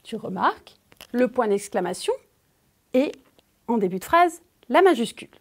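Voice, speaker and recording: A woman's voice: on the high side, sing-song, creaky. A woman with a French accent teaching a grammar lesson to children, speaking to the pupil directly and stressing key words. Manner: slow, emphatic, addresses the pupil directly.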